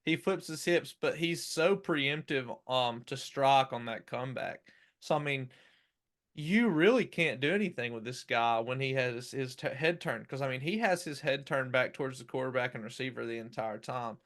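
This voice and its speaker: Male football analyst with an average-pitched voice, casual play breakdown, halting and searching delivery. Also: fairly bright tone. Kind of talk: casual sports commentary.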